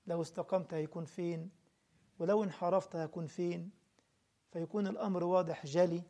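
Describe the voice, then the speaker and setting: A religious teacher with an Egyptian Arabic accent gives a lesson and answers questions from a live stream, speaking earnestly, addressing listeners directly and repeating his points. His voice is a little high, creaky and warm.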